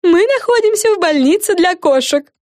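A woman's voice: extremely high pitch, lively intonation, normal speed, a little mellow, no room sound, clean studio sound, voice pushed up. A woman voicing a vain, bossy young fairy girl in a storybook reading, talking in a self-important way. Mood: showy.

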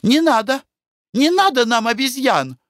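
A man voicing a fussy, squeamish middle-aged lady traveler who squeals and frets in a shrill voice. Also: very animated, unhurried, a bit bright, no echo, studio quality, heavily acted. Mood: disgusted. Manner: shrill, squealing, easily frightened. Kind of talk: audiobook character reading.

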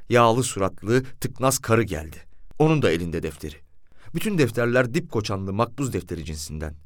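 A man's voice: fairly low pitch, no room sound, studio quality. A man narrating a first-person story in an audiobook, telling it expressively.

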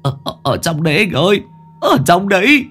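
A man voicing a terrified young man who stammers and shouts in panic in a ghost story. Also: mid-range voice, lively intonation, slow, slightly rough, soft background music, heavily acted. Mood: panicked.

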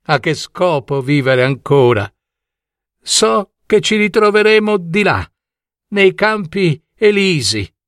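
A man's voice: high voice, big pitch swings, slow, a bit bright, smooth, no echo, clean studio sound, voice pushed up, full character voice. A man reading a storybook voices a grieving young man in despair, his talk mournful and hopeless.

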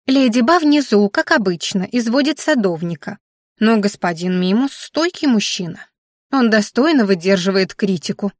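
A woman's voice: mid-range voice, expressive, moderate pace, no echo, studio quality, lightly acted. A woman voicing a small furry hoofed female creature who is a fussy, weepy governess, scolding and doting with sweet pet names, in a storybook reading. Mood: chatty.

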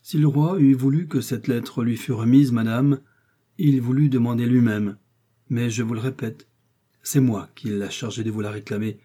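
A man's voice: medium pitch, fairly even intonation, normal speed, mellow, husky, natural voice. A man reading the part of an embarrassed royal chancellor, formal and insistent.

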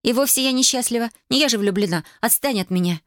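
Cheeky teenage girl, read by a woman, high and lively, dry close sound. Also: fast, no echo, natural voice. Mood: protesting. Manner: mocking, giggly, exclaiming. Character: playful teasing teenage girl.

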